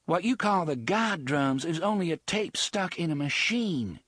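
A man's voice: on the high side, animated, measured pace, fairly bright tone, no echo, voice pushed up. A determined woman gunslinger in a raised voice, as a man puts her on, harsh and insistent, pressing her point. The audiobook sound is close and dry.

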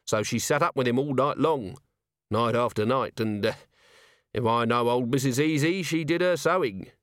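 A man voicing a shrewd male watch commander in an audiobook, dry and gently probing. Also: mid-range voice, moderate pace, no echo, natural voice. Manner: dry, gently coaxing questions.

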